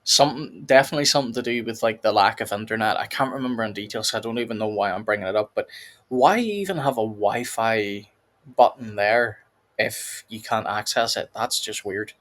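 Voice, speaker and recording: A man's voice: on the low side, a little fast, a bit bright. A man hosting a casual reaction video, rambling and laughing often as he comments. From United Kingdom.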